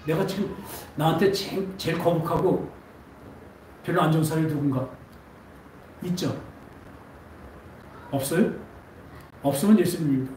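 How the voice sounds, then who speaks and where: A man's voice: a little high, moderate pace, pauses often, a little mellow, a little hiss or hum. A man preaching a Sunday sermon as pastor, asking his congregation question after question. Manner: asks the congregation many questions. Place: church sanctuary. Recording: echoey church hall from far off.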